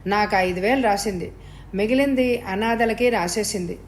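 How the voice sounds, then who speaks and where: A woman's voice: medium pitch, normal speed, natural voice. A woman voicing a cool, serious young woman.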